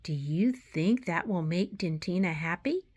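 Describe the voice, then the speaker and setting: A woman's voice: lowish voice, lively intonation, measured pace, a little mellow. A woman voicing an earnest little boy who explains himself politely in a storybook reading. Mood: cheerful.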